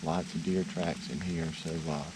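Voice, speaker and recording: A low-key, plain-spoken man hosting a hunting vlog, casually updating viewers from outdoors. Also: little pitch movement, moderate pace, noisy background. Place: outdoors in the field while hunting.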